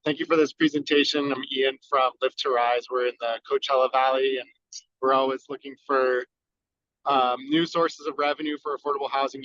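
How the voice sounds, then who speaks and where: Man on a car speakerphone, flat voice. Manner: polite, even, businesslike questioning. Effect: phone speaker from a moving car. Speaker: meeting participant asking a question. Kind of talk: casual video-call question. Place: in a car while driving. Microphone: phone on a video call, camera off. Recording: dull lo-fi call audio with faint road rumble. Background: faint car rumble.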